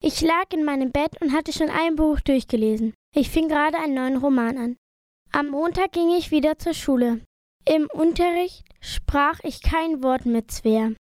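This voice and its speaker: A woman's voice: high-pitched, moderate pace, darkish tone, dry recording, studio quality. A woman reading a first-person story aloud in a plain, uneven reading voice. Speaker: narrator.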